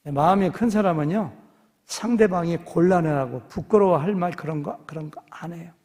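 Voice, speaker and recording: A man's voice: fairly high pitch, normal speed, a little mellow, long reverb tail. A man preaching a sermon as pastor, telling stories animatedly and acting out dialogue in different voices. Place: church sanctuary.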